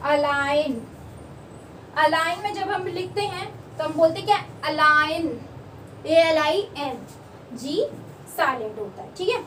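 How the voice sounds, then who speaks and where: High-voiced woman teaching, echoey room. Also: lively intonation, a bit bright. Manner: explains slowly, repeating words and checking with listeners. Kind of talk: classroom lesson. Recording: echoey room, voice from far off, faint background noise.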